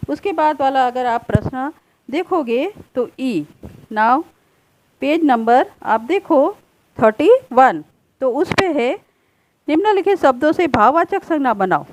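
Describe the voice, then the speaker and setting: A woman's voice: high voice, slight background noise, low-quality recording. A woman teacher explaining a grade-school textbook lesson step by step, patiently repeating the answers and mixing in English words.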